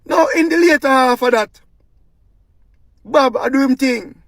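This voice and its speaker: Jamaican man, heated commentary rant, high-pitched, gravelly, dry close sound. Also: unhurried, a bit bright, dry recording. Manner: impassioned, heavy patois, rhetorical questions.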